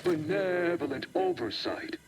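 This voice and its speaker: A man's voice: sits high, fairly even intonation, measured pace, over a noisy crowd. An actor voicing a failing male machine that recites slogans while its voice glitches and stutters over syllables. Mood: glitching. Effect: glitching, stuttering voice that skips and repeats syllables.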